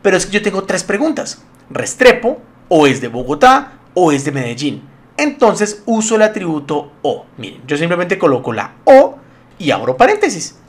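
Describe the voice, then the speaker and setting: A man's voice: high-pitched, very animated, normal speed. A man giving a casual spreadsheet lesson, chatty and laughing easily as he talks to his viewers. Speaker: Excel tutorial instructor.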